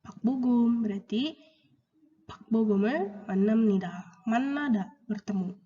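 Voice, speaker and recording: Woman teacher in a dull, echoey recording. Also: warm tone. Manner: slow, drawn-out repetition of example words, rising pitch on questions. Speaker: Korean language teacher. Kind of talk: grammar lesson explaining example sentences. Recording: dull, roomy lo-fi recording with long reverb.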